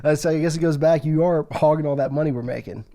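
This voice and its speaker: A young American man co-hosts a podcast, chatting and telling stories in a joking, slangy manner and laughing often. His voice is fairly high and dark in tone, with vocal fry, and he talks fast.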